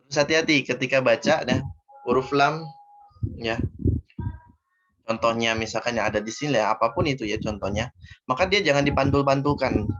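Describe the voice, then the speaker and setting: A man teaching a recitation lesson over an online call. He explains patiently, step by step, and slows down to model each word. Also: medium pitch, fairly bright tone, muffled recording. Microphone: video call.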